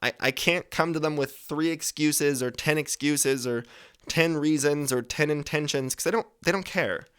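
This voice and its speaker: On his podcast, a man in his twenties speaks at normal speed in a fairly high, smooth voice with a fairly bright tone. He hands out advice in a rambling, casual style, swearing freely and revising what he says as he goes.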